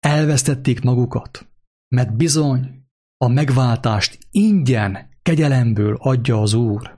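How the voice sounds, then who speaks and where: A man reading aloud and voicing a wise old man who answers quietly. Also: medium pitch, natural voice. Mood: solemn. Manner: soft-spoken.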